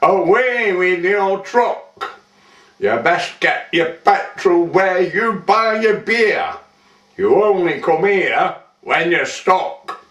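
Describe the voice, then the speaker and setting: A man voicing a sharp-tongued publican's wife who scolds in a raised, shrill voice. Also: takes it slowly, few pauses. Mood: scolding. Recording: roomy, distant, muffled.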